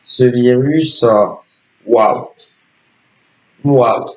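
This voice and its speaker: A man's voice: medium pitch, very slow, a little mellow, reverberant, rough recording. A man giving a casual spoken tarot reading as a psychic, hesitant and repetitive, full of filler words. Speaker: psychic reader.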